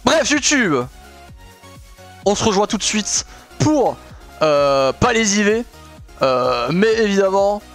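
A man's voice: high voice, takes it slowly, pauses often, faint music behind. A young man streaming live, chatting with viewers in a rambling way with lots of fillers. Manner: excitable, shouting and laughing with joy. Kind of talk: live stream reaction and chat.

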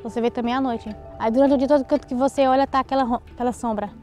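A woman, a local mother telling her story in rapid, animated interview testimony. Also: high-pitched, lo-fi sound, soft background music.

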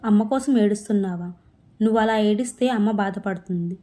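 Woman reading a brisk, uneasy father. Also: medium pitch, warm tone, lightly acted. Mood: tender. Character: middle-aged father, hurried and uneasy. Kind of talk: storybook reading.

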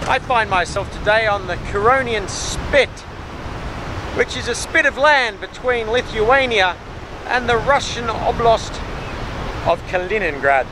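Man shouting over wind and surf. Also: high voice, animated, a little slow. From Australia. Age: middle-aged. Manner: raised voice, calling out over wind. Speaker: travel vlogger. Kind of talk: presenting a travel vlog to camera. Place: outdoors on a windy beach. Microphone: camera at arm's length. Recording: outdoor wind and surf noise.

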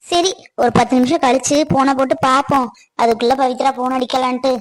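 An anxious young wife in a cartoon, voiced by a woman, fretting and thinking aloud. She speaks low and slow, full of worry. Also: flat delivery, close to an everyday voice, poor audio. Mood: worried. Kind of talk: cartoon voice acting.

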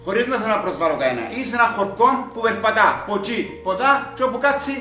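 A man's voice: sits high, very animated, pushed and bright, soft background music, exaggerated voice. An actor with a Cypriot accent playing a cheeky man who mocks and teases. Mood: teasing. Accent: Cypriot Greek. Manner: mocking, teasing. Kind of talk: sitcom acting. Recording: echoey set from a distance.

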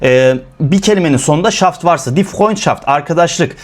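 A man's voice: on the high side, a little fast. A young man teaching German grammar, listing examples one by one with many filler sounds. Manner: lively, repeats examples, fillers "e". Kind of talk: explaining grammar lesson in Turkish.

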